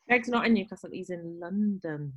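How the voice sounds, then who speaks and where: A woman's voice: lowish voice, animated, moderate pace, fairly bright tone, lo-fi sound. A woman co-hosting an advice podcast, chatting casually and laughing often. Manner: chatty, laughs often, reads listener letters. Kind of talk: casual chat.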